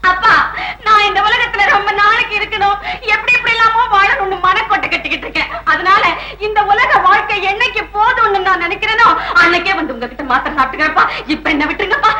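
A woman's voice: very high-pitched, quick pace, poor audio. An actress playing a playful young daughter in a film who teases her father and scolds her suitor.

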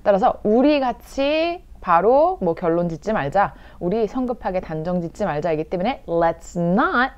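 A young Korean woman teaching English, explaining in Korean and reading English examples slowly and clearly for learners to repeat. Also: mid-range voice, lively intonation, lo-fi sound. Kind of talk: online English lesson.

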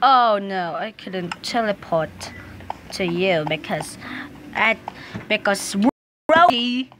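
A young female host chatting excitedly and giggling while playing a block-building game. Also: medium pitch, slow pace. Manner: giggly, excitable, shrieks during play. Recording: noisy home recording.

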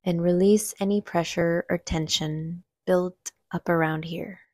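This is a guided meditation led by a woman whose voice sits on the low side with a steady tone. She gives gentle, unhurried instructions, pausing at length between phrases, in a dry, studio-quality recording.

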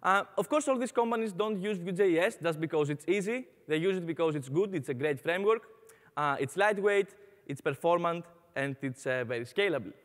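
This conference speaker, a young Greek man with a Greek accent, talks upbeat from a stage in a big hall, sprinkling in many "uh" fillers. His voice sits high and expressive, at normal speed, with a big-room sound.

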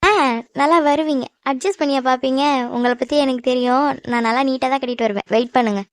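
A woman's voice: high voice, fairly even intonation, quick pace, no echo, studio quality. A woman with a Tamil accent voicing cartoon characters, scolding and teasing. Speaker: voice actor in a cartoon. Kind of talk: animated cartoon dub acting.

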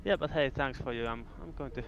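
A male student with a Finnish accent, native in Finnish, talks casually and repeats words as he goes. His voice has a lot of fry and comes over a slightly muffled voice call with some background noise. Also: mid-range voice, fast. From Finland. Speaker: student in a coaching session. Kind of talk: casual chat. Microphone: remote voice call.

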